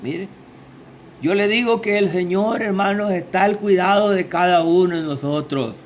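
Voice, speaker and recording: A man preaching a sermon in a small church. He is fervent, keeps asking his listeners "right?", and his pitch swings widely as he preaches. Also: moderate pace, a little hiss or hum. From El Salvador. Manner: fervent, sweeping pitch, tag questions. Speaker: lay preacher.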